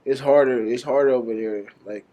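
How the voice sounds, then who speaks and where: A young man from Nigeria answers interview questions in an easygoing, halting way. He speaks at a middle pitch and fills pauses with "like" and "you know." His delivery is laid-back and unhurried. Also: fairly even intonation, highs cut off. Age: young adult. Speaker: guest, college basketball player and content creator. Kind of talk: casual interview chat.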